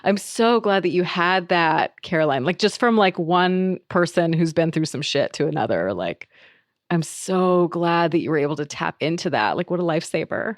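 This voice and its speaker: A woman's voice: on the low side, lively intonation, normal speed, dry recording, clean studio sound. A woman hosting an interview podcast, talking in an earnest, emphatic, affirming way. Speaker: podcast host. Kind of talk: casual interview chat.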